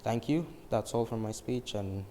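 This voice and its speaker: A young man with a fairly low, mellow voice delivers a memorized student speech. He sounds rehearsed, doubling back on phrases when he trips. Some ambient noise sits behind him. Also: moderate pace. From Indonesia. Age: teenager or young adult. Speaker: high school student speech contestant. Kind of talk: prepared contest speech, memorized.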